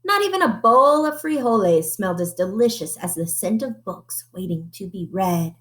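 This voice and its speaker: Animated woman reading a picture book aloud. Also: medium pitch, normal speed, reverberant. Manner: animated, asks listeners questions. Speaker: children's book reader.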